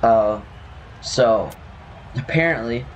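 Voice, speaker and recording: A young male gamer talks over his match in a loose, rambling way, often correcting himself and apologizing, his voice still scratchy from sleep. His pitch sits in an ordinary middle range. A faint hiss of noise runs under the recording. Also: slow, lo-fi sound. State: scratchy morning voice. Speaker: gaming youtuber. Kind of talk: casual gameplay commentary.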